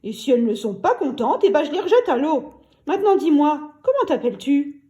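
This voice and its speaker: Brief: woman playing a kindly crocodile in a children's story, calm and warm-hearted, bright high voice. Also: fairly quick. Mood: reassuring. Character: kindly gentle vegetarian male crocodile.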